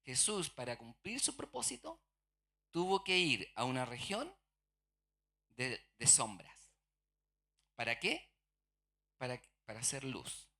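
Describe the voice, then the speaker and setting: A preacher delivers a church sermon in a bright, forceful voice. The pitch sits in a middle range. The preacher keeps posing questions to the congregation and then answering them. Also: huge pitch swings, slow pace, vocal fry, pauses often.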